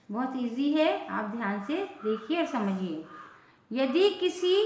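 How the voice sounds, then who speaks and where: Slow, high-voiced woman teaching pronunciation. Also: a bit bright, reverberant, lo-fi sound. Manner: spells words letter by letter, then repeats them with meanings. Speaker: English teacher. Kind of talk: slow spelling-out pronunciation lesson.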